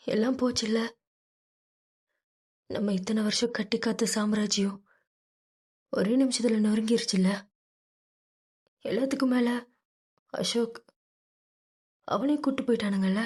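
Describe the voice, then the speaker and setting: A woman's voice: a little high, darkish tone, slightly rough. A woman doing a broken crime boss, tearful. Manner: tearful, self-blaming. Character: grown man, a crime boss broken and sobbing.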